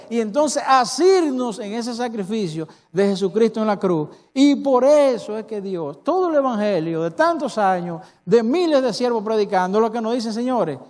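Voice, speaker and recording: The speaker is a very high-pitched, slightly mellow male pastor from the Dominican Republic. He delivers an emphatic sermon in Dominican-accented Spanish, full of rhetorical questions, and the church hall's reverb is clearly audible.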